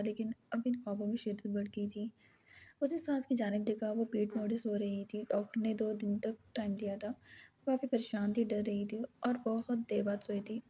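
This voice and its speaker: Soft-spoken woman narrating a novel. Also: a little high, slightly rough. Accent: Urdu. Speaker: audiobook narrator. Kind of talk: reading a romance novel aloud.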